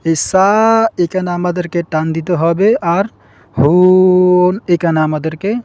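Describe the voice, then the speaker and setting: A man teaching the pronunciation of a short scripture passage, who explains each point calmly and then chants the words slowly, holding out their long vowels. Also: high-pitched, clear, resonant tone, no echo, highs cut off. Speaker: Quran recitation teacher. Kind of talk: slow pronunciation lesson with chanted examples.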